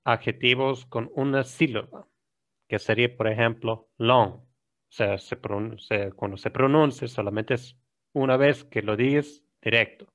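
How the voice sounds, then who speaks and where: A man with an Ecuadorian Spanish accent teaching an English grammar lesson, explaining in Spanish, reading examples slowly and often checking "¿sí?". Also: mid-range voice, a bit bright. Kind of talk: recorded classroom lesson. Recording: dull lo-fi recording.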